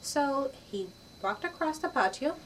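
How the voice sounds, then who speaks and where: A woman telling a children's story aloud, lively and animated, playing each character. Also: high voice, a little slow. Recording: distant mic with faint background noise.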